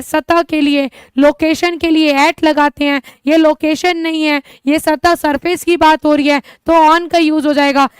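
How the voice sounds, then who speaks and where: A woman's voice: sits high, no echo. A woman teacher giving an English-speaking class, encouraging her students and repeatedly asking and answering her own questions. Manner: addresses students as children. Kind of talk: online class lesson.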